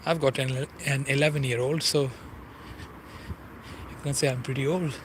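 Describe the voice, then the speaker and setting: Background noise accompanies this casual walking commentary from a riverside vlogger, a man in his forties whose English is not his first language. He speaks at medium pitch in a steady tone and normal speed, rambling and regularly searching for words.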